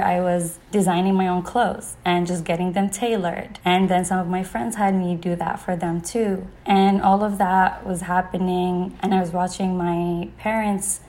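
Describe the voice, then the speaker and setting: A woman's voice: on the low side, steady tone, measured pace, few pauses, darkish tone. A young adult woman from Saudi Arabia, a podcast guest, telling her story in a casual interview with frequent "like" and "you know". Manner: conversational, peppered with "like" and "you know".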